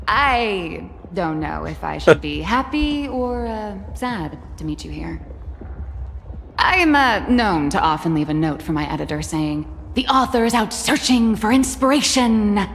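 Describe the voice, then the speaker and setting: A woman's voice: medium pitch, lively intonation, vocal fry, slight background noise. An actress playing a whimsical young woman writer in a video game, teasing and breezy. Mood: playful. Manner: teasing, breezy, drawn-out phrases. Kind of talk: video game character acting. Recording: reverberant with faint music.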